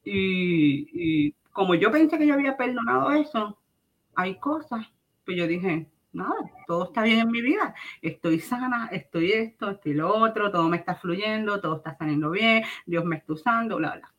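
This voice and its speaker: Through a muffled recording comes a medium-pitched, animated female voice at a moderate pace. She's a middle-aged Puerto Rican woman with a Puerto Rican Spanish accent giving a religious testimony, earnest and direct with her listeners and emphatically repetitive.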